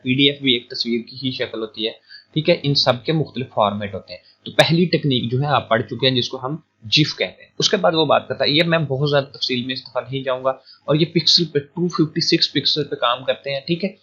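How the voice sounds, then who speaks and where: A man's voice: medium pitch, sharp tone, lo-fi sound. A young man from Pakistan teaching an online computing lecture in a chatty, informal way, often repeating points and checking in with his viewers. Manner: chatty, repeats points, keeps adding "theek hai". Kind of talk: informal screen-recorded lecture.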